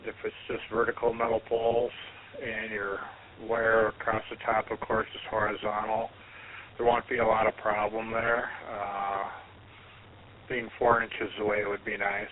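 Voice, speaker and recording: A man with a slightly low voice speaks over a ham radio transmission, halting and technical with frequent ums. The sound is thin and narrow like a radio link. A faint hiss sits under it. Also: completely flat delivery. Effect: heard over a ham radio transmission. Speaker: amateur radio net participant. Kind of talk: radio net check-in talk.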